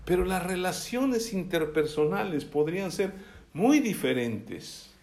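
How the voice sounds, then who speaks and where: A man's voice: high voice, big pitch swings, unhurried, a little mellow. A man preaching a sermon in a conversational way, often checking that listeners follow along. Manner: conversational, asks listeners for assent. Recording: echoey room.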